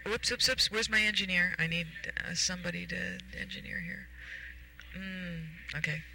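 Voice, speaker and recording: A woman's voice: on the low side, fairly even intonation, moderate pace, creaky, pushed and bright, slight background noise, low-quality recording. A woman hosting a radio talk show, rambling playfully with many fillers and puns. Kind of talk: casual radio chat.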